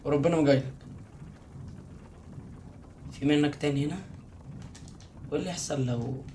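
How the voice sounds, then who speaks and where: A young man with an Egyptian Arabic accent commenting on a horror game he plays, talking to himself and bursting out in panicky shouts. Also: mid-range voice, background noise. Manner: jumpy, panicky outbursts, talks to himself. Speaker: gaming YouTuber.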